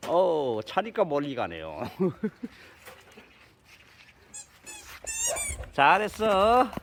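A man's voice: high-pitched, wildly swooping pitch, very slow, background noise. A man playing with his dogs outdoors, coaxing and scolding them in baby talk and calling himself their dad. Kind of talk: casual talk to pets. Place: outdoors in a garden plot.

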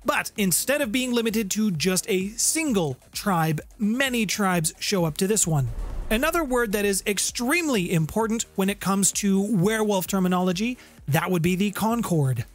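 A middle-aged man hosts a tabletop game lore channel, delivering a scripted explainer in a high-pitched, animated voice at a moderate pace. His emphasis is playful and theatrical, and he speaks close to a studio condenser mic with a pop filter. He's indoors in a home room with guitars, with music playing in the background.

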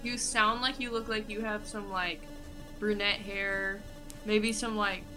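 A woman's voice: mid-range voice, little pitch movement, a little slow, over music, poor audio. A woman on a video chat, curious and playful while guessing about a stranger.

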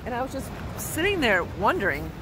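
A woman's voice: on the high side, big pitch swings, fairly quick. A middle-aged woman vlogging casually to a phone held at arm's length on a mountain trail, chatty and wondering aloud. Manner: chatty and wondering, with fillers and laughs. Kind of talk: casual vlog to camera. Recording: outdoor phone audio with clear background noise.

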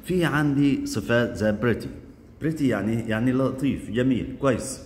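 Speaking Egyptian Arabic, a man with a darkish, mid-range voice runs an English grammar class in a big hall with slight background noise. He poses rapid questions he then answers, and has the word forms repeated aloud.

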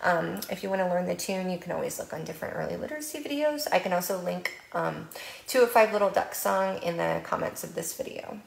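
A woman's voice: on the low side, a little fast, gravelly. An American woman, a children's librarian, reads a picture book aloud and gives early literacy tips in a playful sing-song way, with animal sounds. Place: library room. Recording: echoey room.

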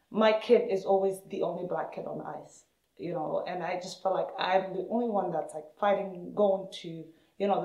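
Echoey storytelling woman from Somalia. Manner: animated, acts out quoted speech with rising pitch. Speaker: interviewee, hockey parent and player. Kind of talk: personal storytelling in an interview. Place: indoors in a room with equipment shelves. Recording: roomy, echoey indoor sound.

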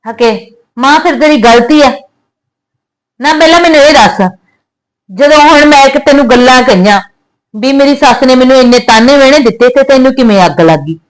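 An actress playing a young married daughter with a Punjabi accent, tearful and reproachful. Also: female voice, high voice, brisk, natural voice, poor audio.

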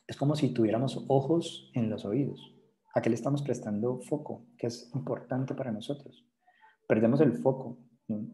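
A man's voice: mid-range voice, mellow, rough recording. A man with a Colombian accent giving a university lecture to psychology students, insisting on his points and often checking "¿sí?" or "¿vale?". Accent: Colombian Spanish. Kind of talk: classroom lecture.

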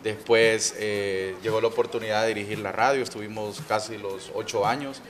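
A man's voice: lowish voice, steady tone. Polished Honduran announcer man. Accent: Honduran Spanish. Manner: measured, polished announcer delivery. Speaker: radio announcer and guest. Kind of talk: interview answers. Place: TV set in a betting lounge. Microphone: handheld mic.

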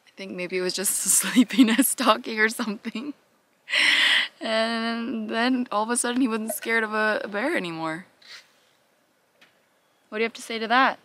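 A woman's voice: a little high, normal speed, long pauses, a bit bright, dry recording. A young adult woman chatting to her handheld camera while camping, telling stories with playful asides to viewers. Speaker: vlogger. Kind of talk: casual vlog chat to camera. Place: campsite outdoors and inside a car. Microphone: camera held at arm's length.

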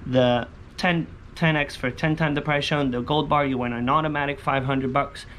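A man in his thirties scratches lottery tickets for viewers on a covered poolside patio, chatting in slangy, repetitive fashion and muttering hopefully to himself. His voice is fairly high, a bit bright, steady, and at normal speed. Outdoor ambient noise fills the background.

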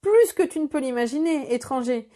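A woman's voice: sits high, lively intonation, normal speed, mellow. Brief: taunting male guards, read by a woman, raised mocking storybook voice. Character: gruff male castle guards, mocking and scornful.

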